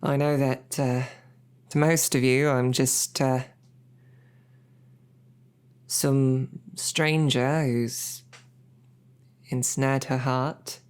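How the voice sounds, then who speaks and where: Playing a shy, lovestruck knight serving as royal guard, a woman stammers through flustered, self-mocking rambles in an intimate audio roleplay. Her exaggerated voice is very deep, clear and resonant, with a darkish tone and flat delivery, and she comes across as flustered yet earnest.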